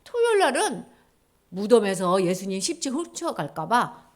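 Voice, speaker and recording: A woman junior pastor telling a story in a sermon, in an animated way, acting out the characters' voices. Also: mid-range voice, normal speed.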